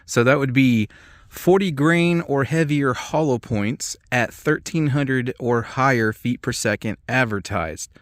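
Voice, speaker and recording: A man's voice: mid-range voice, measured pace, no room sound, clean studio sound. A man hosting a video, explaining products in a casual, rambling, informal way. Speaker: host of an ammunition test channel. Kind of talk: casual product-test commentary.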